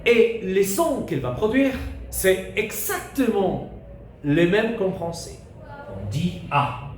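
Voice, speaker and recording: A man teaching a beginner lesson, speaking slowly and carefully and repeating sounds for pupils to echo. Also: sits high, sing-song, a little mellow. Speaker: Spanish teacher. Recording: echoey room with faint hiss.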